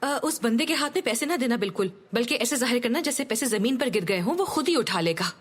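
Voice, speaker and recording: A bossy, scheming older sister with a high voice who presses and coaxes until she gets her way. Music plays clearly behind her. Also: expressive, fast talker. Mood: instructing. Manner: persuasive, insistent, bossy. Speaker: elder sister. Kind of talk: dubbed TV drama.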